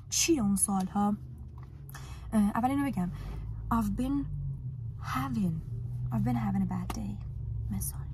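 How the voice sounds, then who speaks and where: A woman with a Persian accent teaching English in a casual live lesson, lively and teasing as she coaxes her students. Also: a little high, slight background noise.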